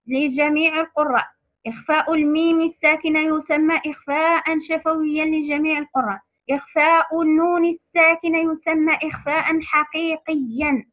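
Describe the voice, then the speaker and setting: A woman teaching a lesson on recitation rules to other women, patiently repeating key terms slowly. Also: high voice, fairly bright tone, lo-fi sound.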